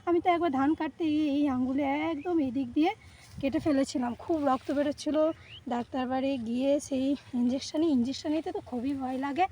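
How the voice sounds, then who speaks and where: A young woman narrates a casual vlog from a rice field, chatting directly to viewers as she works. Her voice sits high but has a dark tone. Birds and faint rural outdoor ambience can be heard behind her.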